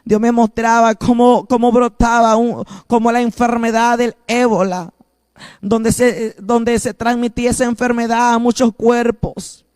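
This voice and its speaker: A man's voice: extremely high pitch, flat delivery, unhurried, a little mellow, clear, resonant tone, no echo, clean studio sound. A man preaching a fervent prophetic sermon, repeating declarations as he recounts visions.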